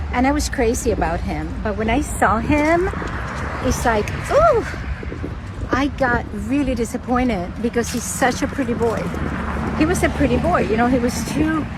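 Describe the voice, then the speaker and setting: An older woman from Cuba, chatting playfully while walking outdoors, slipping in Spanish as she vlogs. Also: sits high. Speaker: vlogger. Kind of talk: casual walking vlog chat. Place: outdoors on city streets, walking. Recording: street traffic noise behind.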